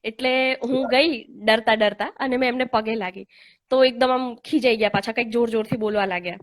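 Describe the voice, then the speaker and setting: A woman's voice: on the high side, steady tone, a little fast. A young adult woman hosting a casual online live chat, telling a personal story in an earnest, heartfelt way with many hesitant fillers. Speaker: host. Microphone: online live call.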